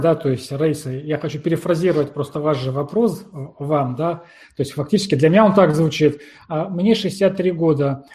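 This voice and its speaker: Мужчина-ведущий с немного высоким голосом ровно и спокойно обращается к участникам эфира. Говорит негромко и доброжелательно-деловито. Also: male voice, on the high side, a little mellow. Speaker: talk show host. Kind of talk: hosting a live online talk show.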